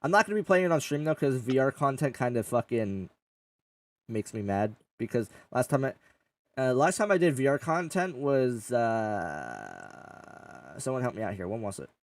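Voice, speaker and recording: A man's voice: mid-range voice, big pitch swings, moderate pace, creaky, recorded from a distance. A man hosting a casual gaming podcast, rambling and joking with a lot of swearing. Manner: rambling, swears often, jokey. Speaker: podcast host and streamer. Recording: dry, a bit off-mic.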